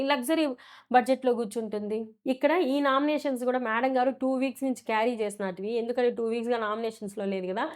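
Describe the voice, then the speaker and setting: A woman giving opinionated, sharply critical commentary on a reality show episode, quoting contestants in her own voice. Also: fairly high pitch.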